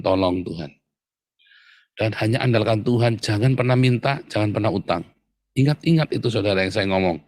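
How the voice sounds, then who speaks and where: A man preaching a sermon in a conversational way, often turning to his listeners directly and growing animated when he tells stories. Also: mid-range voice, no room sound, clean studio sound. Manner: conversational, repeatedly addressing listeners as brothers and sisters.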